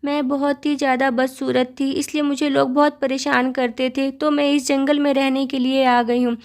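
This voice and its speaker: High-voiced woman telling a doll story. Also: normal speed. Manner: animated, exclaiming storytelling. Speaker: storyteller voicing every part.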